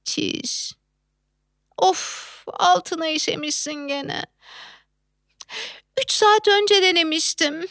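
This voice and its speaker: A woman's voice: very high-pitched, drawn-out words, pauses often, a bit bright, no echo, studio quality, full character voice. An actress playing a flustered young working mother, a factory worker, in a theatrical monologue; she exclaims in alarm and coos to her baby. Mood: hurried.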